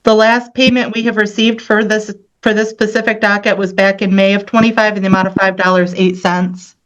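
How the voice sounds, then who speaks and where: A female court officer reads out balances and dates in a plain, matter-of-fact way. Her voice sits at an ordinary mid pitch. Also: little pitch movement, fairly quick, a bit bright, rough recording. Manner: matter-of-fact, reading figures.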